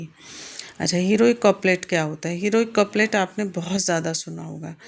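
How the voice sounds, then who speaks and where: A woman's voice: medium pitch, vocal fry. A woman teaching English literature in a mix of Hindi and English, asking questions and answering them herself. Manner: explanatory, asks and answers her own questions, says "theek hai" often. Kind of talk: Hindi-English classroom lecture.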